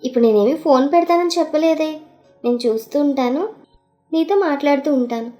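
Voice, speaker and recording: Brief: a woman doing a fond teasing young husband, high light voice, soft music under it. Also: expressive, brisk. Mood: tender teasing. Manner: teasing, affectionate. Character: young man, loving playful husband.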